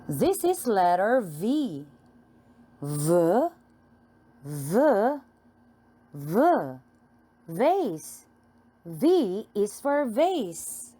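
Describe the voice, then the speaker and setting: In a phonics class for little kids, a woman with a Filipino accent enunciates each letter and word with careful, sing-song repetition. Her mid-range voice carries a warm tone.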